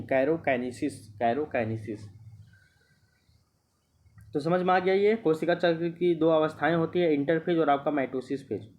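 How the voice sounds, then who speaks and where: A man's voice: fairly high pitch, darkish tone, slight background noise. A man teaching an exam-prep lecture, explaining step by step, repeating himself and checking that students understand. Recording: muffled lo-fi recording.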